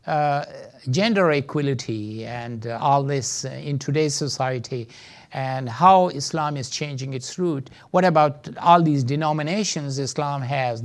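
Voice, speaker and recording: A man's voice: medium pitch, creaky. A man with a Pakistani accent teaching a seminar like a preacher, earnest and emphatic. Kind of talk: teaching seminar with sermon-like exhortation.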